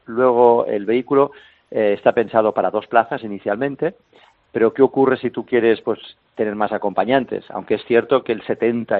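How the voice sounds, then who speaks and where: Low-voiced Spanish man over a phone line. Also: dry recording. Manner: explanatory, many fillers and restarts, chuckles now and then. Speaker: interview guest explaining a vehicle. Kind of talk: phone-in radio interview. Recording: dry tinny phone line.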